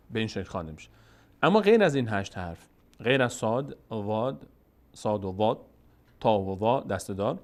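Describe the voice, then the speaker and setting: Patient man teaching Quran reading slowly. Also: medium pitch. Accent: Afghan Dari. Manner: patient, repeats syllables slowly and drawn out. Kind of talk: slow step-by-step recitation lesson.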